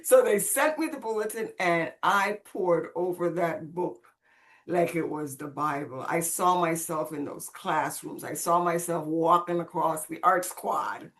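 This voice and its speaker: Speaking at a measured pace in a fairly low, slightly bright voice, a woman guests on a podcast and expressively narrates her life in conversation. Born on Saint Croix, she was raised in Puerto Rico speaking Spanish, making her Caribbean.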